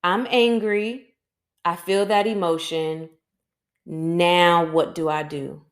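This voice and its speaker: A woman podcast host and Reiki teacher, guiding listeners through slow breathing and then giving an encouraging talk. She often ends her sentences with "right?" and gets more emphatic as she encourages. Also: lowish voice, fairly even intonation. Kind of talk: guided breathing exercise and motivational talk.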